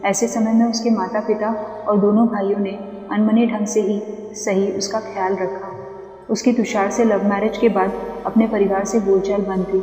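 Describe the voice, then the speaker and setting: A woman's voice: mid-range voice, warm tone. Woman narrating horror, echoey with music. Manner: dramatic, suspenseful reading. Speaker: storyteller. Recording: echoey reverb with background music.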